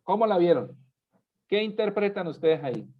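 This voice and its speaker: A man giving a classroom lecture to students, animated, repeating words and asking rhetorical questions, in a dull lo-fi recording. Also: high-pitched, normal speed. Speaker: Bible teacher.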